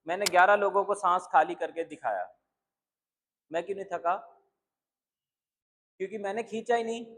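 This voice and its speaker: A man with a high voice guides a room of students through a breathing exercise. He calls people up one by one, checks their breath and keeps asking whether it is clear. His manner is hands-on and coaxing. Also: moderate pace, a bit bright, slight background noise. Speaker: breathing instructor. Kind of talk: guiding a live breathing class.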